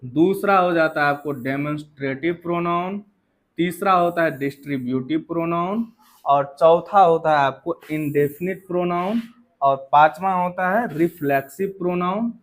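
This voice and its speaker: A male teacher explaining grammar in an online class, steady and explanatory, often pausing to check in with his students. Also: a little high. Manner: steady explanatory pace, repeating "ठीक है" to check in.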